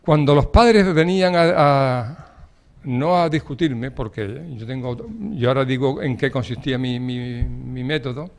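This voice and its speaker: A man's voice: medium pitch, a little slow. An older man, a guest in a radio debate, telling an anecdote emphatically with indignant asides.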